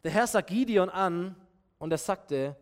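A male pastor giving a sermon, animated and addressing his listeners directly. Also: high voice, unhurried.

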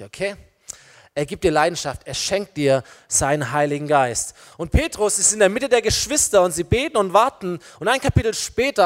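A man with a high voice preaches to young people. He is lively and casual, and he speaks straight to his listeners.

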